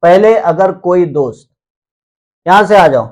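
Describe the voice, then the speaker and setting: Male chemistry tutor with a high voice who drills mnemonics with repeated questions and an easygoing classroom manner. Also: expressive, measured pace, darkish tone. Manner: addresses students informally and reassuringly. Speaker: chemistry teacher. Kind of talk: classroom lecture with memory tricks.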